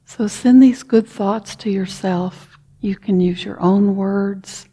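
A woman guiding a meditation in a soft, unhurried voice, leaving long pauses and sometimes easing into a whisper. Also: mid-range voice, husky. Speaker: meditation teacher. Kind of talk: guided meditation.

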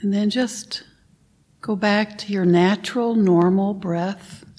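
Slow, breathy woman guiding meditation. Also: mid-range voice, fairly even intonation. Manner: slow, gentle instructions with soft whispered breath cues. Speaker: meditation guide. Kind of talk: guided meditation.

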